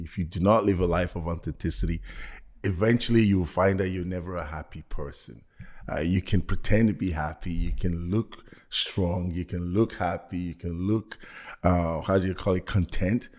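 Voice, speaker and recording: Deep-voiced earnest male speaker. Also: fairly even intonation, normal speed, darkish tone. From Belgium. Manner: earnest, reflective. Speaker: guest motivational speaker. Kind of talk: casual podcast conversation.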